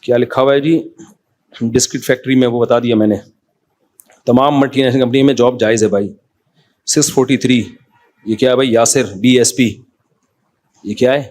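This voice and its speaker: A man in his role as a cleric, giving a casual religious talk with an animated, conversational delivery that rises in pitch for emphasis. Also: long pauses. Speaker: Islamic cleric answering questions.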